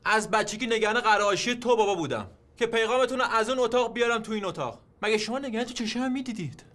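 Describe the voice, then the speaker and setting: A man's voice: extremely high pitch, fairly bright tone. An actor playing a bitter young man who throws accusing rhetorical questions at his mother in a film drama set at home. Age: young adult. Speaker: grown son. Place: home interior.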